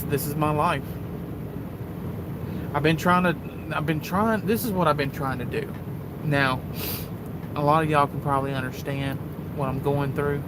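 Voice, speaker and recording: A trucker from Texas talks in a loose, rambling, folksy way, repeating himself as he goes. His voice sits a little higher than most men's. Engine and road rumble hum clearly behind him. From Houston, Texas. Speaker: truck driver vlogger. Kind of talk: casual vlog monologue.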